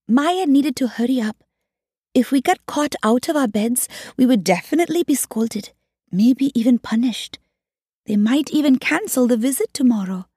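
A woman narrates a novel for an audiobook with measured, even reading. Her voice sits a little high, with a dark, breathy tone. The studio sound is dry and close. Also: no room sound.

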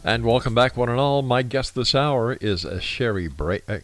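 A man hosting a broadcast interview, speaking courteously and formally in somewhat halting phrases. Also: medium pitch, faint music behind. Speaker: radio show host.

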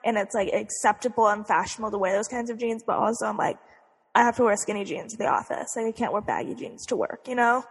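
A woman's voice: mid-range voice, fast, slightly rough. A young woman chatting casually as a co-host, in a bubbly sorority-girl manner peppered with "like". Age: young adult. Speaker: podcast co-host. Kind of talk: casual chat. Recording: echoey hall-like reverb.

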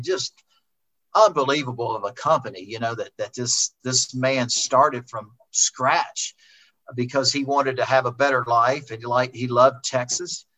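A middle-aged racing driver, appearing as an interview guest, rambles and repeats himself while fondly remembering a friend in a heartfelt conversation. His mid-range voice has a sharp tone, captured in dull lo-fi sound.

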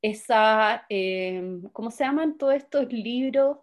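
An animated woman with a Chilean accent tells stories in casual chat, repeating her phrases and mocking herself. Her voice sits a little high. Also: takes it slowly. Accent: Chilean Spanish. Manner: expressive storyteller, self-mocking, repeats phrases.

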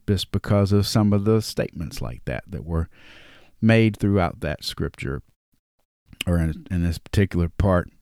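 A man with a Southern drawl talks casually through Bible verses, reading scripture aloud between loose, conversational asides. His voice sits fairly low, and the recording is dry and close. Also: a little mellow, no echo. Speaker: podcast host. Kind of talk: casual Bible study talk.

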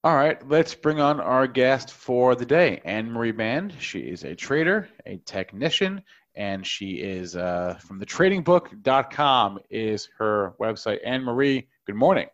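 A male show host talks casually at a middling pitch with very lively intonation. He is chatty and tends to repeat himself. The audio is a little dull and lo-fi. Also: measured pace. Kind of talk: casual live show interview.

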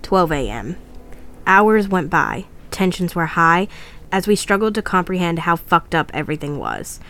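A woman hosting a podcast, reading a horror story in a measured way, slowing for suspense. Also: on the low side, big pitch swings, fairly bright tone. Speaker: podcast host.

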